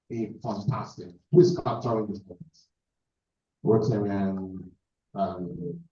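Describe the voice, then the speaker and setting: A man's voice: mid-range voice, warm tone. Jovial Nigerian man emceeing a meeting. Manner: directive, jovial. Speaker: meeting host. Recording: echoey hall, distant mic, dull sound.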